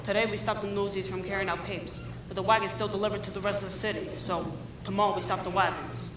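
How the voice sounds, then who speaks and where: A woman's voice: mid-range voice, fairly even intonation, quick pace, music in the background, lightly acted. A young woman on a school stage playing a cocky teenage newsboy leader with brash street slang. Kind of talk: school stage musical acting. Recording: echoey hall with noise.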